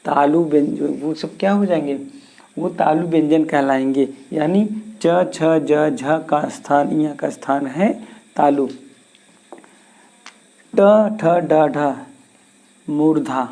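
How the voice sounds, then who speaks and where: A man teaching Hindi grammar in a slow classroom lesson, repeating sounds and asking questions back to his students. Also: fairly high pitch, steady tone, vocal fry, warm tone.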